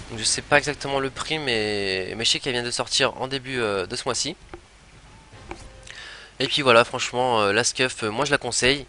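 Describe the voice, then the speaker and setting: A young man talking casually to viewers about a game controller, halting with many fillers and restarts. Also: medium pitch, bright, forceful tone, a little hiss or hum. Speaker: gaming youtuber. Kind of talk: casual product talk to viewers.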